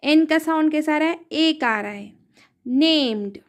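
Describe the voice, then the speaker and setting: A woman teaching English reading, sounding out words letter by letter in a patient, slow phonics lesson and correcting herself along the way. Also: sits high.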